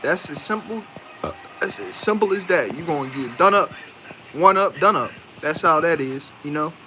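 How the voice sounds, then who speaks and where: Bright-voiced Indian-accented man rambling casually. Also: a little high, expressive, moderate pace, slight background noise. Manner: rambling, slangy, thinking aloud with many fillers. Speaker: movie reviewer. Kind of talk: casual spoken movie review.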